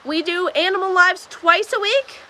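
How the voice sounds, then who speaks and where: Speaking at normal speed in an extremely high, bright, forceful voice, a Texas livestream host chats with her viewers and takes their questions. She's coaxing the cows along in a farm barn's milking stall during chores, and the recording is rough.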